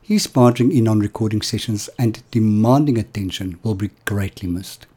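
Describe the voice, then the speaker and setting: A man hosting a podcast, introducing episodes and interviewing guests, animated and quick to laugh. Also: lowish voice, slightly rough. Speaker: podcast host.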